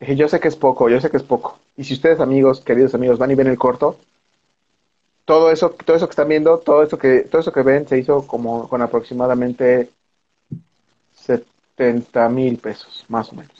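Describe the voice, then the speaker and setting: A man's voice: medium pitch, flat delivery, fairly quick, muffled recording. A man with a Mexican accent, a film director guest, telling a long anecdote in casual slang and acting out the voices of the people in it. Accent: Mexican Spanish. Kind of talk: animated storytelling anecdote.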